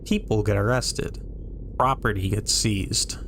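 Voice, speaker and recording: A man's voice: on the low side, a little slow, a bit bright, a little hiss or hum. A man voicing a sardonic, guarded male investigator in a fandub, speaking drily. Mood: dry. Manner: dry, sardonic. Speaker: stream host reading the lead.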